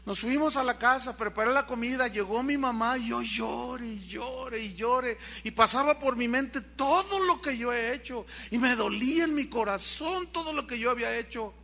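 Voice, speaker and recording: A man's voice: extremely high pitch, moderate pace, gravelly, hardly any pauses, sharp tone, exaggerated voice. A pastor re-enacting a tearful middle-aged churchwoman who speaks earnestly and emotionally.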